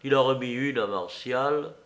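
Measured male audiobook narrator. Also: mid-range voice, a bit bright. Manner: measured reading, slowing and dropping at phrase ends.

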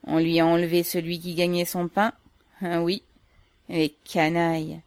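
A woman's voice: on the low side, flat delivery, a little slow, a little mellow, no room sound. A woman voicing a morose male stoker who grumbles but offers comfort. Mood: grumbling.

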